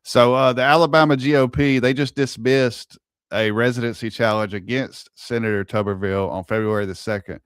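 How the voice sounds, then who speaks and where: A man's voice: medium pitch, fairly even intonation, a little fast, smooth, no room sound. A man speaking as an interviewer, in an agreeable, conversational manner. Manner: agreeable, affirming.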